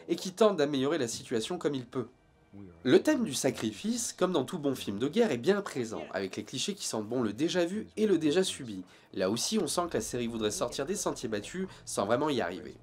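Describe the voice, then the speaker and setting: In a casual video, a medium-pitched man reviews TV series, sometimes joking and sarcastic before settling into earnest critique.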